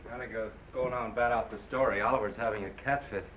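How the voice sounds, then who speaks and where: An actor playing a brash, wisecracking newspaper reporter with slangy patter, in 1930s screwball film style. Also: male voice, medium pitch, fairly even intonation, lightly acted. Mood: tender, chatty. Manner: slangy, fast-witted patter. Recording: muffled, hissy 1930s film soundtrack.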